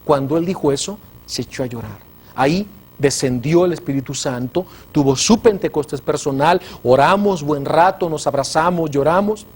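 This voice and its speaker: A man with a Mexican Spanish accent, a preacher hosting a religious TV show, telling a testimony with fervor and swinging between loud and hushed. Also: a little high, moderate pace, husky. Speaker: preacher and TV host.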